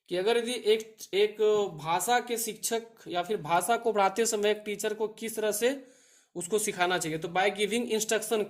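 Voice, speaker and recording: High-voiced Hindi exam tutor. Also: male voice. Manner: explains step by step, reads English quiz options slowly. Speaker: teacher. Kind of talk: exam prep lesson.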